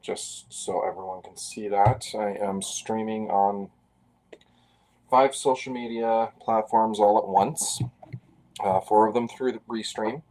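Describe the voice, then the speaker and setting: A man in his forties from Canada, an artist drawing on a live stream, chats in a casual, rambling way, often joking at his own expense. His voice is fairly low with a darkish tone, and the audio quality is poor.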